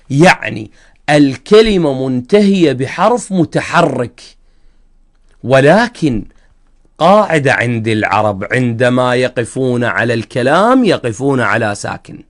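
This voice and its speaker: A man with an Iraqi accent teaching the rules of Quran recitation, explaining step by step and drawing out the example sounds. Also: medium pitch. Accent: Iraqi Arabic. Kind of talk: religious lesson on recitation rules.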